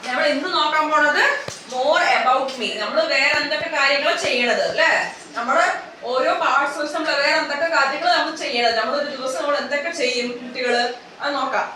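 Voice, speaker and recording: Preschool teacher lady, high bright voice, keeps asking the kids questions, far off in a super echoey classroom. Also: a little fast, a little hiss or hum. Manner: coaxing, repeating simple words and asking many questions. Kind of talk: classroom teaching of young children.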